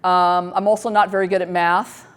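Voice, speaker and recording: A woman in her fifties hosts a talk show, delivering a casual monologue that's candid and self-deprecating, rambling with many fillers and restarts. Her voice is lowish and clean, with little pitch movement, at a normal pace.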